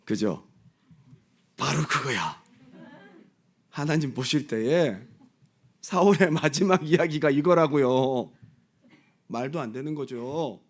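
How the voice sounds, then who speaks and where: Pastor guy preaching, fairly high voice that jumps all over, loud one second then almost hushed. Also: animated, slow pace, pauses often. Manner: swings between loud, rising exclamations and soft, low asides; asks the congregation direct questions. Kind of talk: sermon.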